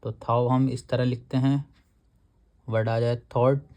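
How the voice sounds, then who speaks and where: A man's voice: mid-range voice, little pitch movement, unhurried, warm tone. A man teaching a shorthand lesson, explaining each rule step by step and reading the rule text aloud word by word.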